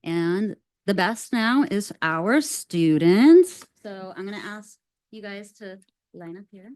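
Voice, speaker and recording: A woman's voice: medium pitch, expressive, darkish tone, clear, resonant tone. Earnest woman presenting to a board. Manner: measured, earnest, with occasional "um". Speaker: district staff presenter. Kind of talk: formal presentation at a school board meeting. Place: school board meeting room.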